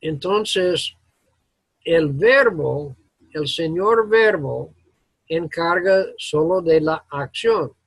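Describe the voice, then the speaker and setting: Un hombre que enseña gramática inglesa en una clase, con explicaciones lentas y entrecortadas, mezclando palabras en inglés. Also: male voice, a little high, animated, husky, no room sound. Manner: slow, halting explanations mixing English words into Spanish. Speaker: English teacher. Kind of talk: classroom grammar lesson. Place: classroom.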